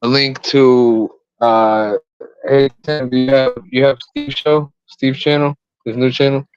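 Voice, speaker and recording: A man hosting a casual stream over a weak mobile connection, his audio choppy and cutting out, talking haltingly with many fillers. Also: mid-range voice, little pitch movement, clear, resonant tone, no echo, dull audio, faint music behind. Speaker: livestream host. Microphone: remote call over mobile data.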